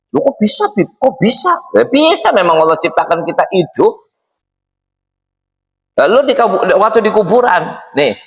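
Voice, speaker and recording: Lively high-voiced preacher, echoey hall. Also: male voice. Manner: lively, questioning the audience in a teasing way. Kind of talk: mosque study sermon. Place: mosque hall. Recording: echoey mosque hall reverb.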